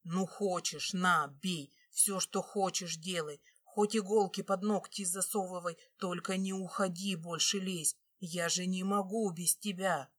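A woman reading an audiobook voices a remorseful adult husband who begs his wife in a lowered voice, then whispers to her. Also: steady tone, measured pace, few pauses. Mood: frantic pleading.

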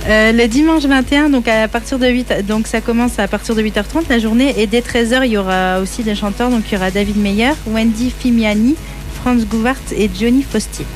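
A woman's voice: a little high, a little fast. A woman with a slightly worn-out, partly lost voice after a big weekend, chatting casually and a little hesitantly as a radio co-host. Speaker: radio co-host presenting local events. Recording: faint music bed behind studio talk.

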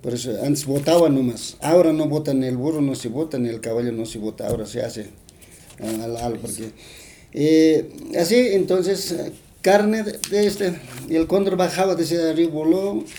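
A man's voice: on the high side, moderate pace, dark tone, a little hiss or hum. A man with a Bolivian Spanish accent, retelling a folk tale in an interview, rambling and full of fillers and tag questions.

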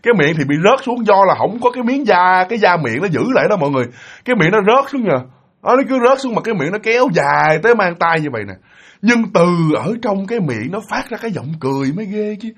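A man's voice: high-pitched, big pitch swings, fast talker, a bit bright. A man with a Southern Vietnamese accent who tells a ghost story to his audience in a vivid, dramatic way.

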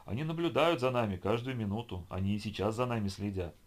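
A man voicing a manic, insane young man who rants gibberish and prophecies in a high, loud voice. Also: fast talker, close to an everyday voice. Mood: haughty. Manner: grandiose, then whining and hysterical.

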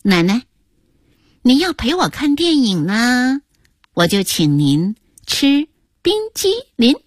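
A woman's voice: very animated, slow, no room sound, studio quality, full character voice. A woman putting on a cheeky little granddaughter. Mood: coaxing. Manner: high, chirpy, giggly. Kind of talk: radio storytelling.

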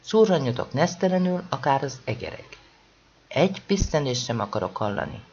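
A reader voicing a bossy, blustering bald male schoolteacher in an audiobook, giving orders and shouting. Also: medium pitch, very animated, muffled recording, slight background noise, close to an everyday voice. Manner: commanding, bursts into loud shouts.

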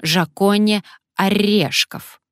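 A woman voicing a cheeky, pushy old male parrot with a hoarse, croaking, drawn-out voice, in an audiobook story. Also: mid-range voice, fairly even intonation, fairly bright tone, no room sound, clean studio sound, voice pushed up.

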